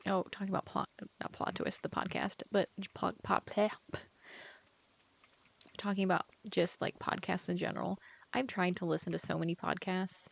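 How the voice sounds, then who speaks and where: A woman's voice: lowish voice, fairly even intonation, measured pace, gravelly. A woman chatting casually while she plays a game, rambling from thought to thought with lots of "like" fillers and sometimes dropping almost to a whisper. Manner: rambling, chatty, heavy use of "like". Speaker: author playing a farming game. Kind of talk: casual gameplay chat.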